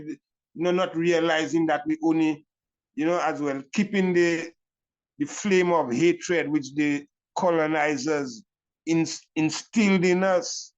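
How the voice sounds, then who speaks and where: A man's voice: a little high, lo-fi sound. An older man with a Caribbean accent speaks as a Rastafari elder in a reflective reasoning style, repeating phrases and punctuating them with "you know".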